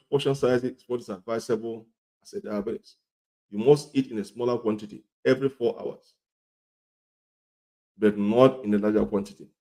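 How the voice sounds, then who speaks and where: Male health presenter, coarse gravelly voice thick with a cold, very dark tone, repetitive and emphatic instructional delivery. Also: medium pitch. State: congested and hoarse with a cold. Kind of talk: instructional talk to viewers.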